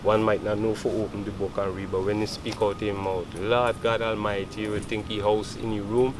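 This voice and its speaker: Low Jamaican Rasta man over loud street noise. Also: flat delivery, brisk. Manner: Rasta patois speech with recurring check-in phrases. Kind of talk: casual Rastafari reasoning. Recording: noisy, vehicle and outdoor street noise.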